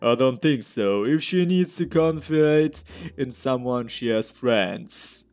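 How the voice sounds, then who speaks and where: A man's voice: medium pitch, lively intonation, slow, a little mellow, no room sound, faint music behind. A man voicing a blunt, sarcastic male officer in a game who guards a friend. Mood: protective. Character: protective blunt male officer, young adult.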